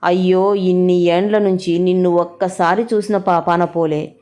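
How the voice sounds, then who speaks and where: A woman's voice: fairly low pitch, fairly even intonation, moderate pace, dark tone, clean tone, dull audio, lightly acted. Old weaver grandpa wailing, as a woman reads him. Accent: Telangana Telugu. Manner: wailing, pleading. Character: grieving old male village weaver, grandfather.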